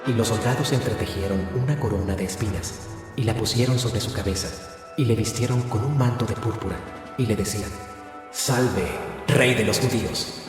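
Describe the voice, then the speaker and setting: A man, a pastor, reading scripture aloud with steady, expressive narration. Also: on the low side, brisk. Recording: reverberant hall with music behind.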